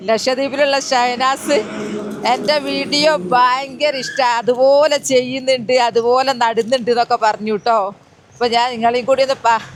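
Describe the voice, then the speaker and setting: A woman's voice: a little high, a little hiss or hum. A woman chatting to her viewers in a casual gardening vlog, recorded outdoors in a garden beside a road. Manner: chatty, speaks straight to viewers. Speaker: gardening vlogger.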